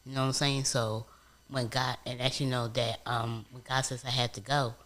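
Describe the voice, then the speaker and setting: A man, a guest on a casual couch interview, telling stories in an animated way with street slang. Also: medium pitch, moderate pace.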